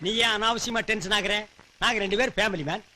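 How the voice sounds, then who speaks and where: A man's voice: high-pitched, steady tone, fast, background noise. A man delivering film comedy dialogue, rambling and mocking as he complains to his friends.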